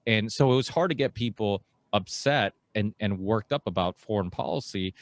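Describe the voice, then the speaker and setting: Man podcast host, low dry voice. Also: moderate pace, no echo. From Portugal. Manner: animated, rambling, mocking asides. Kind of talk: casual interview chat. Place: small home studio with guitars. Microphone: headset and studio microphone on boom arm.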